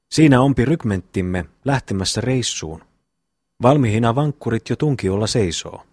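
A cheeky young brother rattles off a long mocking rhyme in a bouncing sing-song beat, read by a man. The voice sits low and a little husky. It is heard dry and close in an audiobook. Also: darkish tone, no room sound. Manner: rhythmic sing-song recitation of rhyming verses. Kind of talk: audiobook reading.

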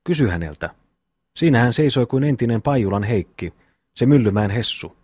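A man's voice: medium pitch, lively intonation, darkish tone, breathy edge, dry recording, clean studio sound. A man reading the part of a hot-tempered eldest brother who scolds and mocks in a blustering way. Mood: scolding, mocking. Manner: blustering, scolding speech with a mocking chuckle. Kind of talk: audiobook reading.

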